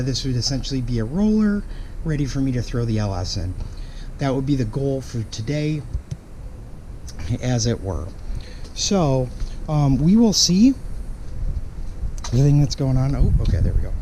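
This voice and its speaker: A man with a hoarse voice that is partly lost, talking casually to camera in a rambling, apologetic way about a car project. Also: mid-range voice, dark tone. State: hoarse, losing his voice. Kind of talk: casual vlog talk to camera. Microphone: camera-mounted microphone. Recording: noisy ambient camera microphone recording.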